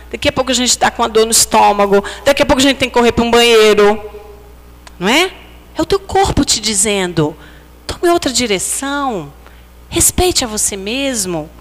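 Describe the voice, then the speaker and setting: A woman's voice: fairly high pitch, fairly bright tone. A woman with a Brazilian accent giving a conversational religious lecture at a spiritist center, often asking the audience for agreement. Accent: Brazilian Portuguese. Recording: hall reverb.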